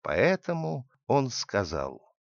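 A man narrating a fable with an expressive, dramatic reading, in a dull, dry recording. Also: medium pitch, slow pace, gravelly, no room sound.

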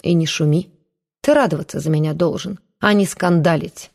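A woman reading an audiobook and voicing a shrewd, sharp-tongued old village aunt who talks bluntly and mockingly. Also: low-pitched, normal speed, vocal fry. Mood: stubborn.

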